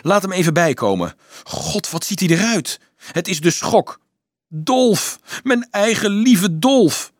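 Male narrator doing a tearful, loving mother; higher, soft, husky. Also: big pitch swings, takes it slowly, no echo, clean studio sound, exaggerated voice. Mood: tender, anxious. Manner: tender, tearful, soothing. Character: anxious loving mother, tall woman.

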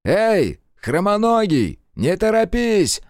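A man's voice: on the low side, animated, moderate pace, darkish tone, no echo, studio quality, close to an everyday voice. A man voicing a tough squad commander who taunts and interrogates a prisoner bluntly. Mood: mocking. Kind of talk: audiobook character voice.

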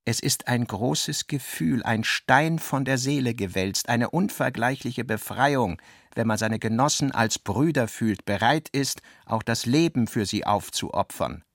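A man's voice: mid-range voice, expressive, measured pace, dry recording, clean studio sound. Man narrating a literary radio play.

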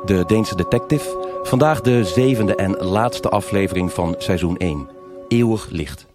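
In a live noir radio crime drama with music playing underneath, a man narrates as the investigating officer. His deep voice carries lively intonation, and he tells the story in a measured way at a slightly slow pace.

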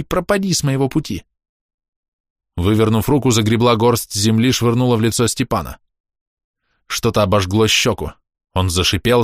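A man narrating a dark story in a measured, tense reading voice. His voice sits on the low side and is recorded dry and close, with no room around it. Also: dry recording. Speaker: audiobook narrator. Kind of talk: dramatic audiobook reading.

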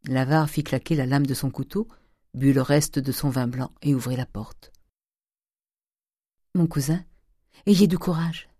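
A man narrating a classic novel as an audiobook reader, in a measured, even way. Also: on the high side, no echo, studio quality. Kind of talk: literary narration.

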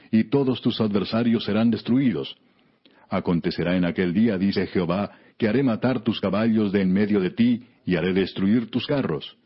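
A man narrating scripture as a scripted reading, in a solemn, measured, declamatory biblical manner, on a dull recording. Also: lowish voice, husky. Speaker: Bible narrator.

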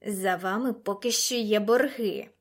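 A woman's voice: mid-range voice, normal speed, natural voice. A woman reading an audiobook and voicing a sly, rat-faced male villain who hisses his threats with gloating zeal.

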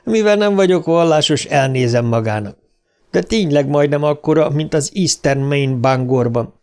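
A man's voice: fairly high pitch, a little mellow, clear, resonant tone, natural voice. A man voicing a chatty, coarse middle-aged taxi driver in an audiobook, folksy and fond of repeating a pet phrase.

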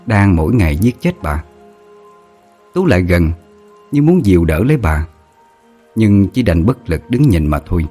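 A man's voice: on the low side, warm tone. A man narrating a sad ghost story in an emotive, dramatic way.

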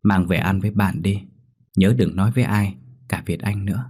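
A man voicing a tearful young mother who speaks softly and tenderly. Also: low voice, moderate pace, husky. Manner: soft, tender.

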